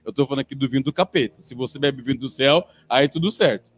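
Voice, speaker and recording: A man preaching a sermon, telling personal stories in an animated, humorous way. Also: medium pitch, fast, breathy edge.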